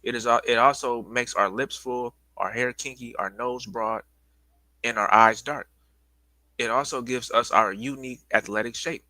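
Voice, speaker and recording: A man hosting a casual livestream lecture, talking loosely to his viewers with lots of restarts and pausing to catch his breath. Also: mid-range voice, steady tone, bright, forceful tone, dry recording, poor audio. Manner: loose, repetitive, addresses viewers as y'all. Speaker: livestream host giving a presentation.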